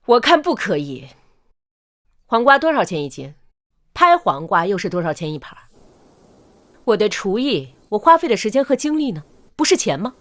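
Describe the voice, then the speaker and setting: A woman's voice: mid-range voice, sing-song, normal speed, pauses often, lightly acted. An actress playing a fed-up older mother-in-law standing up for herself, pointed and sardonic, in a melodramatic short drama.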